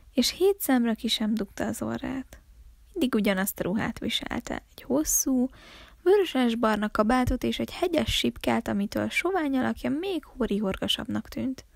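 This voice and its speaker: Woman, storybook reading, calm, expressive, gravelly, dry close sound. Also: on the high side, no echo. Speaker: library storyteller. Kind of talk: reading a children's story aloud.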